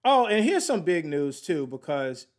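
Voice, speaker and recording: A man in his late thirties hosts a laid-back podcast about investing. His voice sits somewhat higher than most men's, and he talks to his listeners in a chatty, slangy way. He keeps working out the numbers aloud as he goes. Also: sing-song, measured pace. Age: late 30s. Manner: chatty, thinks aloud while working sums; slangy, addresses listeners as y'all. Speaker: podcast host. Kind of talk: casual investing talk.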